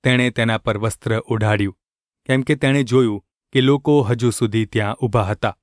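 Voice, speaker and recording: A man reading scripture in a steady, measured narration. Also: medium pitch, no room sound, studio quality. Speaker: scripture reader.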